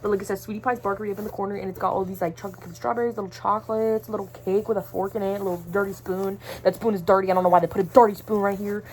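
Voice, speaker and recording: A woman's voice: mid-range voice, fairly even intonation, very fast, few pauses, a little mellow, a little hiss or hum. Chatty young woman with playful scolding bursts. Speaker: vlogger. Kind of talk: casual unboxing vlog. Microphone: phone.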